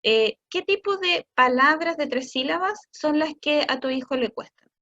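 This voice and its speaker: A Chilean woman speech therapist giving a talk to parents, explaining patiently and stretching words out slowly to demonstrate them. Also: high voice, animated, pushed and bright, highs cut off. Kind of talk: online talk for parents answering questions.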